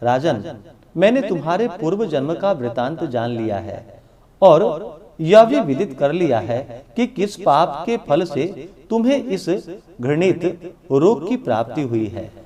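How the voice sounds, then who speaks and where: A man voicing a wise old male sage in a devotional story reading, speaking solemnly and measured. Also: fairly high pitch, sing-song, mellow.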